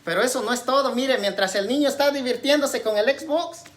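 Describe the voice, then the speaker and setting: A woman preacher giving a conversational sermon, constantly checking in with her listeners and alternating loud emphatic questions with quiet asides. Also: brisk. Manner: conversational, tags nearly every phrase with a questioning aside; swings between raised emphatic questions and low asides.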